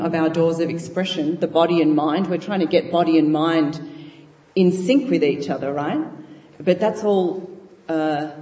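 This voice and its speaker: A yoga teacher talking to a live class in an unhurried, explanatory way, often laughing. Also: mid-range voice, a little mellow. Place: yoga studio, indoors. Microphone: far from the mic. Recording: echoey room, far off, dull.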